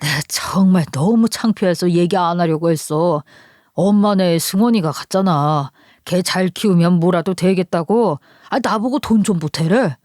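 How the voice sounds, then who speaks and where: A woman's voice: fairly low pitch, moderate pace, a little mellow, dry recording, clean studio sound, natural voice. A woman voicing an angry middle-aged husband who grumbles in exasperation. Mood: fuming.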